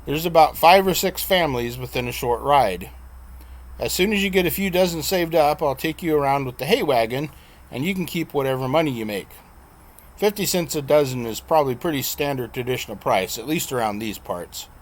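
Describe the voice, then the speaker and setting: A man's voice: medium pitch, lively intonation, brisk, natural voice. A man putting on a jovial old farm grandma. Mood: folksy. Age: older. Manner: country-style, teasing, matter-of-fact.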